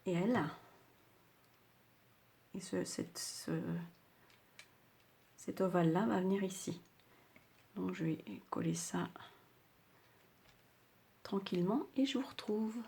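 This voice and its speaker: An older Frenchwoman hosting a craft tutorial, speaking softly with a slightly sore throat, chatty and hesitant with many fillers. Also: medium pitch, slow pace, vocal fry, long pauses.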